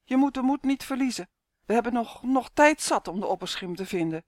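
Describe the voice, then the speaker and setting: A woman's voice: fairly high pitch, animated, a little fast, dry recording, pitched above the performer's own voice, lightly acted. An earnest, loyal young boy with a raised, urgent voice, as a woman reads him. He speaks pleadingly to his friend in a storybook reading, in dry, close sound. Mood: comforting.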